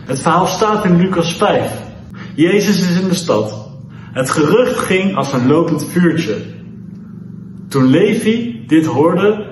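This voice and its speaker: Children's church leader, man, high voice, lively storyteller, echoey room. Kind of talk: Bible story reading and kids' lesson.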